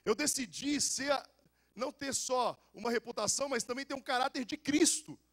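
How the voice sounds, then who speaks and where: A young adult man, a pastor with a Goiás accent, preaching a lively sermon full of jokes, stories and casual slang. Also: very high-pitched, normal speed. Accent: Goiás Brazilian Portuguese. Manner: animated and joking, with casual slang.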